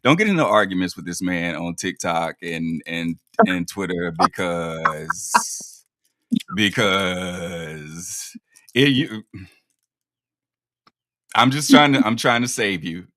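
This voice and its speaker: Lively podcast host guy, bright voice, dry close sound, swings his pitch all over. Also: slow, no room sound. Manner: animated, laughing, teasing. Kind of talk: casual podcast chat.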